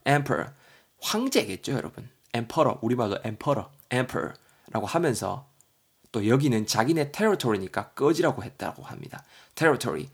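A man teaching English vocabulary on a podcast, jokey and lively, spelling words out letter by letter. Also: mid-range voice. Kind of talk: podcast lesson.

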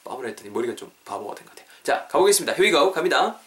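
A man hosting a podcast English lesson. He repeats English phrases slowly and explains them quickly. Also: mid-range voice, very animated, a bit bright. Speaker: English teacher, podcast host.

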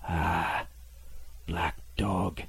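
A man voicing a gruff, dying old sea captain who murmurs slowly in rough sailor's speech, his voice weak and faint. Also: low-pitched, steady tone, full character voice. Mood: urgent. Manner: slow, murmuring, at times whispered.

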